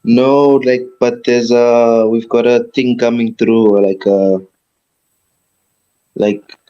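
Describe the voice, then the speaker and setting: Easygoing male co-host, unhurried, dull lo-fi sound from talking into a phone mic. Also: medium pitch, level tone, mellow, clean tone. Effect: heard through a phone mic. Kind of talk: casual chat.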